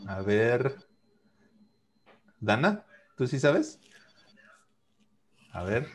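Man, English teacher, online class, video call, slow deliberate delivery, mid-range voice. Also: medium pitch, sing-song. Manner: slow, patient, repeats and spells out phrases.

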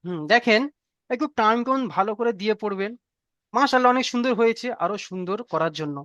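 A man's voice: high-pitched, a bit bright, muffled recording. A male teacher leads an online class. He is patient and encouraging, and he stretches out each letter sound to demonstrate it. His voice comes through a video call with a dry, close sound and no room echo. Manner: patient, repeats praise and drawn-out letter sounds. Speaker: Quran reading teacher.

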